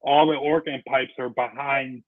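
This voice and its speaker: A man's voice: medium pitch, fairly even intonation, a little slow, no echo. Chatty man on a tinny line. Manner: chatty, rambling with restarts. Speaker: podcast host. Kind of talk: casual chat. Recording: tinny phone-line sound, dry.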